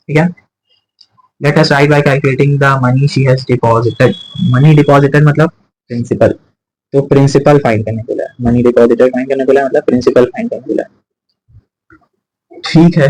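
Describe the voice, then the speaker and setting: A man teaching a maths lesson, working through the steps aloud and repeating himself as he asks and answers his own questions. His voice sits at an ordinary pitch and sounds dry and close, with no room around it. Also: dark tone, dry recording, poor audio.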